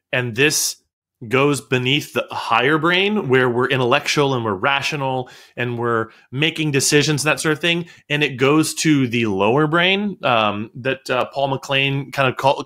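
A man on a podcast telling relaxed stories about teaching in his music studio, often wandering off topic and laughing. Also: mid-range voice. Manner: storytelling, digresses and laughs. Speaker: guest, music studio owner. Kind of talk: casual podcast conversation.

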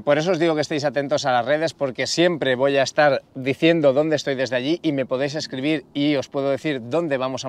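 A man's voice: on the high side, clear, resonant tone, dry recording. A young man with a Spanish accent from Spain, hosting a car meetup vlog in casual, enthusiastic, thankful talk full of slang. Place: outdoor car meetup at a racetrack.

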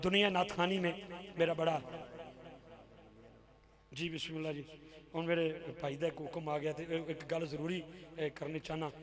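A man giving an impassioned devotional address to a gathering, moving between soft storytelling and loud, shouted chanting. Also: on the high side, steady tone, moderate pace, long pauses. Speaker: devotional speaker at a religious gathering. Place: live religious gathering with an audience. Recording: live event with crowd noise.

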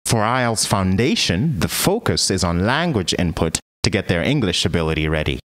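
Narrating a scripted training explainer, a low-pitched man with a fairly bright tone sounds very animated. Still, his delivery stays measured and orderly, moving point by point like an instructional voice-over.

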